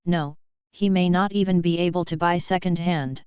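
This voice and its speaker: Woman reading an audiobook, steady, low smooth voice, dull dry sound. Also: moderate pace, no room sound. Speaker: audiobook narrator. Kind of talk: scripted narration.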